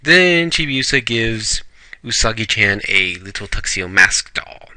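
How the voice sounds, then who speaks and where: A man's voice: fairly low pitch, expressive, measured pace, sharp tone, no room sound. A man casually reviewing a manga chapter, rambling along with fillers and restarts.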